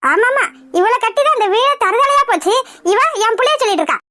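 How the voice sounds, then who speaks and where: Shrill nagging cartoon grandmother. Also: lively intonation, quick pace, pushed and bright, slight background noise, heavily acted. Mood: scolding. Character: scolding old grandmother, sharp-tongued mother-in-law. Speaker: cartoon voice actor. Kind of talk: cartoon comedy voice acting.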